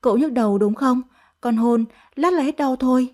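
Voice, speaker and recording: A woman's voice: sits high, normal speed, dark tone, close to an everyday voice. A woman voicing a fawning teenage servant girl who sweet-talks in a coaxing, sugary way.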